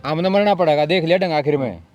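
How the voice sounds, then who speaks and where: A man's voice: fairly high pitch, quick pace, darkish tone, highs cut off, lightly acted. A young man playing a fed-up grown son who scolds and pleads in a Haryanvi accent, in a comedy drama. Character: exasperated grown son scolding his drunkard father.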